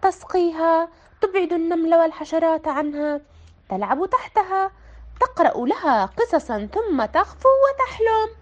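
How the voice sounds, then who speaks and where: A woman reading a children's picture book aloud in an expressive, sing-song way. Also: very high voice, normal speed, highs cut off. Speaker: storyteller.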